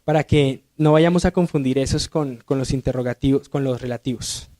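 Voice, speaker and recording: A deacon with a medium-pitched, warm voice teaches a Sunday school grammar lesson in a church classroom, talking briskly. He poses questions to the class and answers them himself, reading verses aloud with rising emphasis.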